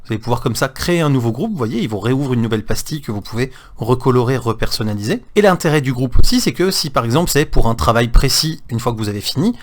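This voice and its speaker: A man's voice: mid-range voice, lively intonation, fast talker, hardly any pauses. A man with a French accent walking viewers through a browser feature in a casual screen-recorded tutorial, with frequent fillers. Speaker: tech YouTuber.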